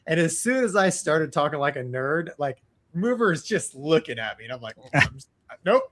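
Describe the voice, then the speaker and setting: Laughing, animated male co-host. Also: on the high side, normal speed. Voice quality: laughs often, loose and animated. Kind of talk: casual chat.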